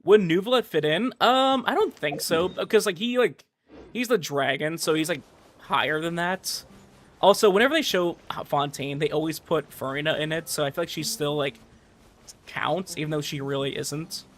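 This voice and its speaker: Chatting loosely and conversationally with his stream audience, a man speaks at a moderate pace in a slightly high, somewhat bright voice. Music plays behind him throughout.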